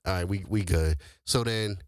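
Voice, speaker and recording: A man's voice: low voice, normal speed, clear, resonant tone, dry recording, clean studio sound. A man in his forties, host of the show, telling stories from his life casually to listeners, with loose slangy speech and frequent laughter. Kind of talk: casual storytelling to an audience.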